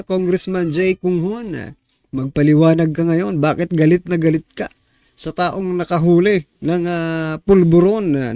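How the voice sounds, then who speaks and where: A man's voice: sits high, a little mellow, a little hiss or hum. A man hosting a news reaction vlog, talking casually to viewers in an indignant, exasperated tone and tossing rhetorical questions at them. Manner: rhetorical, keeps asking viewers "ha?" and "no?".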